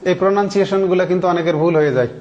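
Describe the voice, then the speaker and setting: A man's voice: high voice, fairly even intonation, very fast, a little mellow, muffled recording. A man teaching an English grammar lesson, explaining step by step and asking the class questions.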